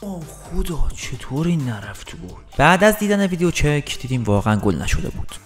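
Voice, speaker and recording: A man's voice: a little high, sing-song, faint music behind. A man commentating his own football video game challenge, urging and cursing at the players on screen. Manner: shouts and curses at the players on screen. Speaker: gaming YouTuber. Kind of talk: excited gameplay commentary.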